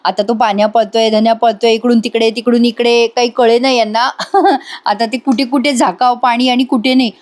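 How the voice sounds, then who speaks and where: A chatty woman narrating a soap episode as a casual voice-over, talking straight to her viewers. Her voice sits a bit high. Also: steady tone, moderate pace, darkish tone. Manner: chatty, giggly, addresses viewers. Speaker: serial episode reviewer. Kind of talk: casual voice-over story retelling.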